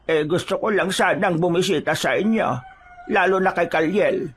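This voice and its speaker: A man's voice: high voice, normal speed, a bit bright, voice pushed up. Old hermit man, put on by a male narrator, sly and folksy, hesitant fillers, slightly raised voice, faint hiss. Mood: wheedling. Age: older. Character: old male forest hermit, friendly but sinister.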